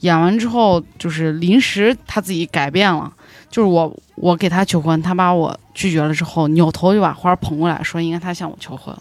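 A woman's voice: on the low side, fairly quick, dry recording. A woman animatedly retelling a story in casual chat, laughing now and then. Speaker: podcast guest.

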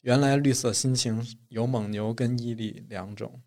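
A man from northern China, co-hosting a casual chat with quick, teasing jokes. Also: medium pitch, fairly even intonation, darkish tone. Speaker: podcast co-host.

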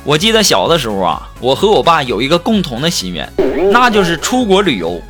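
A man's voice: a little high, wildly swooping pitch, fairly quick. A man hosting a comedy show, telling funny anecdotes with laughing asides. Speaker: comedy podcast host. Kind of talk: joke storytelling. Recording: music bed behind voice.

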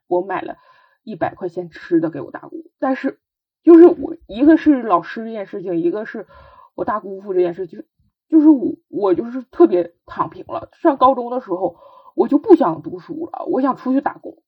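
A young woman with a husky, breathy voice tells her personal story as a podcast guest. She speaks earnestly and haltingly, often restarting her sentences. The recording sounds dull and lo-fi. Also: mid-range voice.

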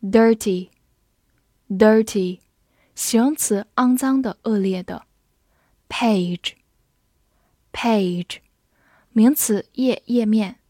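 A woman reading an English vocabulary review. She says each word twice in a deliberate way, then gives its part of speech and meanings. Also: fairly high pitch, warm tone, no echo, clean studio sound.

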